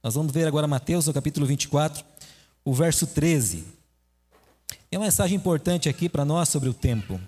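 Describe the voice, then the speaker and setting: A man with a mellow voice on the high side preaches in church, animated and fairly quick. Conversational in manner, he tells a story and asks the audience questions while the hall reverb echoes.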